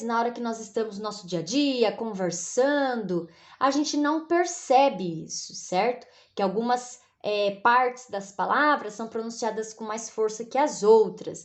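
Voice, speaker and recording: A Brazilian woman teaching a recorded lesson, patient and repetitive, checking in with the class after almost every phrase. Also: on the high side. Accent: Brazilian Portuguese. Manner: patient, repeats tag questions like "né?" and "tá?".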